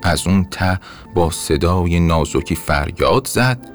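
Man, storyteller, gravelly low voice, lively pitch, gentle narration, soft music behind. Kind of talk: scripted bedtime story narration.

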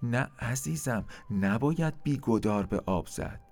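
Brief: cautious mother crow, put on by a male storyteller, expressive and raspy. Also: medium pitch, faint music behind. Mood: gentle. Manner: patient, instructive. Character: careful, gentle mother crow.

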